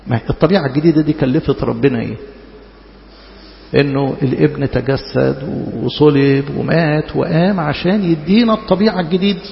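A man's voice: fairly high pitch, vocal fry. A man with an Egyptian Arabic accent preaches in a colloquial, conversational way, asking rhetorical questions and repeating words for emphasis. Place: large reverberant hall. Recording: muffled, echoey hall with long reverb.

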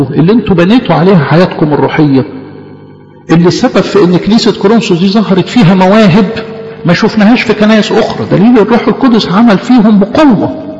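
A man with an Egyptian accent preaching at a rapid clip in a somewhat high, gravelly voice. He fires off rhetorical questions and plays out little back-and-forth dialogues. The sound is dull and lo-fi, with a long echo in a big hall. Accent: Egyptian Arabic. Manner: lively, asks rhetorical questions and acts out both sides of imagined exchanges. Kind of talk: sermon. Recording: echoey church hall, dull lo-fi sound with faint music.

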